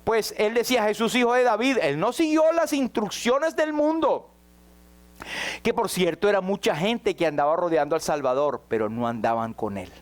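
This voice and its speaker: A man preaching a sermon as pastor, rising high and dropping to a hush, questioning his congregation directly. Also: big pitch swings, normal speed. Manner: dramatic swings between raised and hushed passages.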